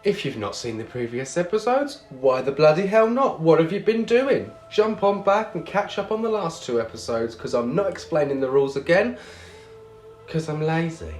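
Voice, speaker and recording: A man's voice: on the high side, sing-song, moderate pace, soft background music. A man hosting a show as a drag queen, with a camp, cheeky, theatrical manner. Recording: roomy echo on the voice.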